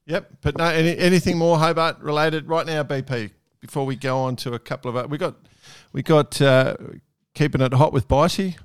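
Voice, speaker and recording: A man's voice: a little high, fairly even intonation, brisk, smooth, no room sound, studio quality. A man hosting a casual sports chat. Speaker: podcast host.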